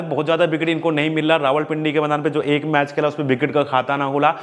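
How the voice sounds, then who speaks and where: A man giving fantasy cricket tips in a chatty, emphatic way, talking straight to his viewers. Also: a little high. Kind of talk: casual analysis video.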